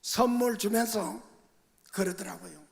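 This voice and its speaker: An older man preaching a sermon as senior pastor. He tells stories, moving between soft asides and emphatic bursts. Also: high-pitched, measured pace, vocal fry. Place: church sanctuary. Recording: reverberant church sanctuary.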